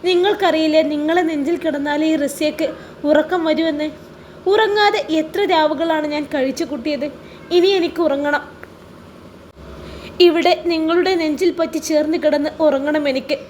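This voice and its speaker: A woman voicing a devoted widowed mother who speaks softly and with emotion in a storybook reading. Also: sits high, fairly even intonation, moderate pace, slight background noise, lightly acted. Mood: longing.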